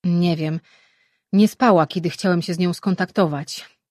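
Urgent anxious sorcerer, read by a woman, husky low voice, audiobook. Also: fairly even intonation, unhurried, darkish tone, no echo, studio quality. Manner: urgent, questioning. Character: anxious, eager male sorcerer.

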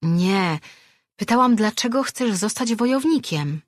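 A woman's voice: medium pitch, animated, measured pace, no echo, clean studio sound, pitched above the performer's own voice. A woman reading an audiobook, voicing a young princess who is eager and easily flustered. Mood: insistent.

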